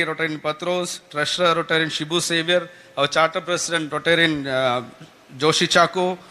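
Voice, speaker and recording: Man, formal vote of thanks, bright ringing tone, reads name lists with small hesitations. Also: a little high. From India. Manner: reads long list of names, some hesitations. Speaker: speaker giving vote of thanks.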